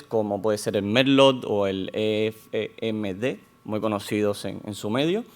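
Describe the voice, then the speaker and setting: Speaking Spanish with a non-Spanish accent, a man gives a measured technical talk in a conference hall. His voice is on the low side, and he pauses often with fillers and restarts his sentences.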